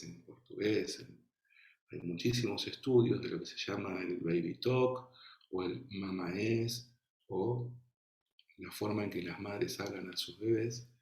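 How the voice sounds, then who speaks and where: Slow, gravelly Argentine man lecturing. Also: fairly low pitch, echoey room. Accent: Argentine Rioplatense Spanish. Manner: slow, thoughtful, with frequent fillers. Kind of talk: online class lecture.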